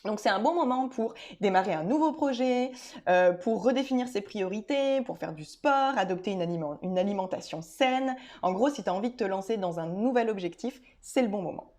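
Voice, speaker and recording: A woman vlogger speaking straight to her audience in a loose, informal way. Her talk is full of filler sounds, restarts and little detours as she explains at a medium pitch. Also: lively intonation, a little fast, darkish tone. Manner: chatty, many filler hesitations and restarts; addresses viewers directly and informally. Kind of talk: casual explanatory video talk.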